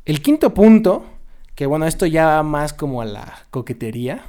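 Man, fairly high voice, playful casual co-host. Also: normal speed. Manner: lively, jokey, slangy. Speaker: podcast co-host. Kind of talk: casual chat.

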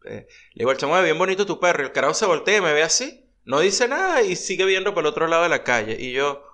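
A young adult man with a Venezuelan accent, co-hosting a podcast in casual, slangy, profane chat and animated storytelling. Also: on the high side, quick pace. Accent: Venezuelan Spanish. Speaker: podcast co-host.

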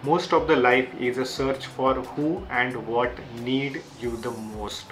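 A man's voice: medium pitch, steady tone, slow pace, over music. A young man, a native Marathi speaker with an Indian accent, shares self-help lessons with viewers in earnest non-native English, using simple, repeated phrasing. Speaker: YouTube creator sharing book lessons.

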